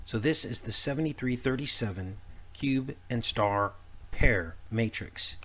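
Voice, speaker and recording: A man speaks as host and narrator of conspiracy videos, earnestly explaining film clips to his listeners. His pitch is medium and he talks a little slowly. The music behind him is loud.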